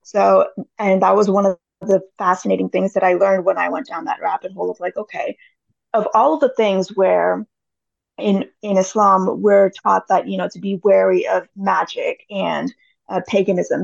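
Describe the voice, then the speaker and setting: On dull lo-fi audio with a dry sound, a woman from the United States in her thirties chats loosely as a podcast guest, full of fillers. She speaks at medium pitch with vocal fry.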